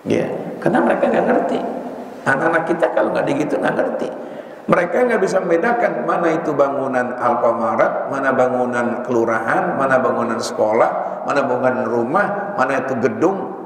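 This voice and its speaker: An older man preaching a dawn sermon in a mosque, lively and full of rhetorical questions, acting out the people he quotes. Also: medium pitch, brisk. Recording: echoey mosque hall, faint ambience.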